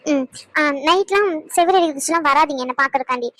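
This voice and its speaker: A very high, bright voice on a dry, close recording. A woman voices a young cartoon wife who teases and scolds her husband. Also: quick pace, no room sound. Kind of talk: cartoon voice acting, several roles.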